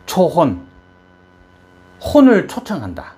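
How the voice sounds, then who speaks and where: Lively Korean-speaking preacher man. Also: slow. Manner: animated, swings from loud high bursts to low murmurs, quizzes the congregation. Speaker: pastor. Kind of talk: sermon.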